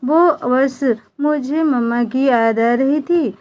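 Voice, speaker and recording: A woman voicing a young wife who speaks softly in a storybook romance. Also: high-pitched, slow pace. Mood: quiet. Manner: soft-spoken.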